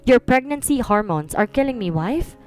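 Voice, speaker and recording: A woman's voice: fairly high pitch, animated, moderate pace, darkish tone, soft background music, pitched above the performer's own voice, lightly acted. A woman voicing a playful young husband who coaxes his wife in a pleading tone. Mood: teasing.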